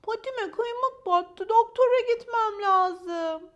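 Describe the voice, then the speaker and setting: A woman's voice: very high voice, takes it slowly, dull audio, pitched above the performer's own voice. A woman voicing a whiny, self-pitying young female dog who wails dramatically about her troubles. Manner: wailing, dramatic complaints.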